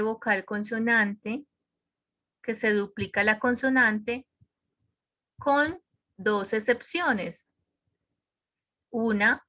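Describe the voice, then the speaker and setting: A woman's voice: medium pitch, sharp tone. A woman teaching an online English grammar class, explaining step by step and checking in with her students. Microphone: computer microphone on a video call.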